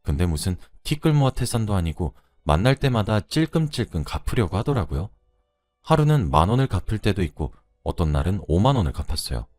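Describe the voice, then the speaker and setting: A man reading a first-person story aloud in a conversational, lively way. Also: sits low, fairly quick, no echo, studio quality.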